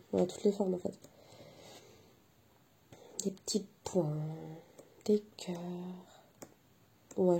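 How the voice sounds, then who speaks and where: A chatty woman vlogger talks through her craft haul in a relaxed, hesitant way, pausing often on fillers. Her voice is mellow and gravelly, with a faint hiss behind it. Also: mid-range voice. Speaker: mother. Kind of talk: casual haul video chat.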